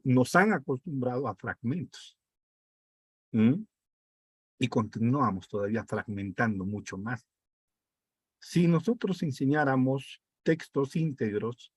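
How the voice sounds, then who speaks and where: A man's voice: medium pitch, darkish tone, no room sound. A man, teaching a reading comprehension class while fighting a sore throat, reading passages aloud and checking in with his students. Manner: reads text aloud, then breaks it down with rhetorical checks.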